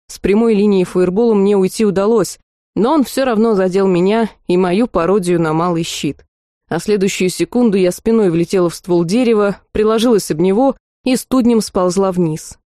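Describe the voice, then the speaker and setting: A woman narrating a fantasy audiobook in the first person, in a lively, expressive reading style. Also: mid-range voice, moderate pace, no echo, studio quality.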